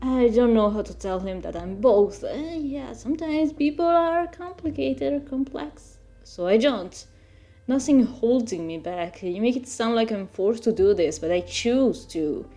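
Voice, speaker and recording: A woman's voice: on the high side, expressive, measured pace, dark tone. A woman streamer reading a visual novel aloud, laughing often as she goes. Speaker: let's-play streamer.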